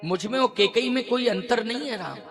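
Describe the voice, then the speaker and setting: A man voicing a gentle queen mother. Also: very high-pitched, steady tone, slow, faint music behind, voice pushed up, full character voice. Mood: tender pleading. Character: loving elderly queen mother, gentle and warm.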